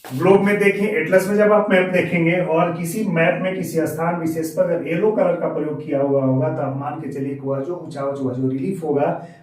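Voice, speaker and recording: A man's voice: a little high, steady tone, normal speed, a little mellow, recorded from a distance. A man teaching a school geography lesson step by step, often repeating each term in Hindi and English. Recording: very echoey room, voice from off-mic.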